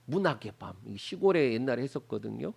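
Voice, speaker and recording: A middle-aged pastor from Daegu with a Gyeongsang accent, preaching a Wednesday sermon, asking the congregation rhetorical questions and acting out voices. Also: male voice, mid-range voice, big pitch swings, fast talker, creaky, slightly rough. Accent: Gyeongsang Korean. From Daegu, South Korea. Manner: acts out Bible characters' lines in exaggerated voices. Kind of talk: Wednesday prayer service sermon.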